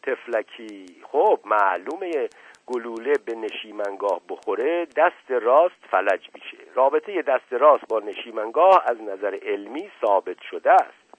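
A sly, mocking aristocrat delivers his teasing pronouncements in a raised, husky voice, as a male narrator puts him on. The sound is thin and phone-like, an old radio broadcast with a dry, close feel. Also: medium pitch, expressive, no room sound. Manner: teasing mock-scientific pronouncements. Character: shrewd, mocking aristocratic older man.

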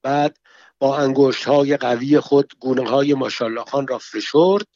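A man reading a novel aloud as narrator, with steady storytelling delivery. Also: medium pitch, no room sound, muffled recording. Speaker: audiobook narrator.

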